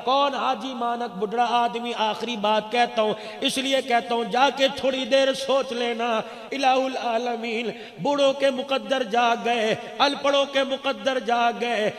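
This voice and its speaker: A man's voice: extremely high pitch, fairly even intonation, measured pace, a bit bright. A man preaching an emotional sermon, telling a story in an impassioned, sing-song way. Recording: echoey hall reverb.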